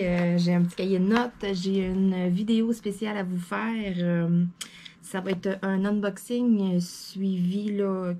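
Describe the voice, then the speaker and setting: A woman's voice: mid-range voice, dark tone, slight background noise. A woman with a Québécois French accent chatting to camera from her home desk, playful and rambling, with lots of fillers and laughs. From Quebec. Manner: often laughs and talks to her cat. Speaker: crafting vlogger. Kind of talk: casual chat to camera.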